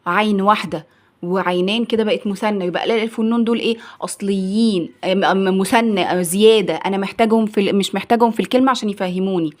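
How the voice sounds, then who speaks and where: A primary school teacher with an Egyptian Arabic accent gives a grammar lesson for young children, posing questions and then answering them herself in the pupil's voice. Her voice is medium-pitched and a little mellow, and she speaks rapid-fire.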